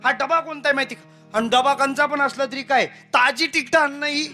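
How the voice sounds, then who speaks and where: A man's voice: very high-pitched, steady tone, normal speed, music in the background, voice pushed up. Bossy ticket inspector, put on by a man. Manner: barking orders.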